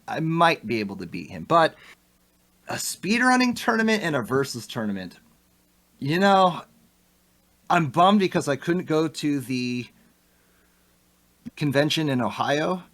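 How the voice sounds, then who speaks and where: A young man chats as a podcast guest in an easy, conversational way. He is animated, laughs often and restarts his sentences as his thoughts race ahead. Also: on the high side, measured pace, pauses often. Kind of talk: casual interview chat.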